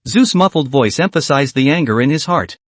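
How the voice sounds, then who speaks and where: A man narrating an anime story recap in a lively, dramatic way. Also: medium pitch, fairly quick, no room sound.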